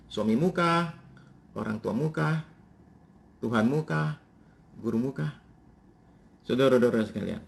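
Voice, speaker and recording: A male pastor, preaching a sermon in a church and telling family stories with lively swings in pitch. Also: vocal fry.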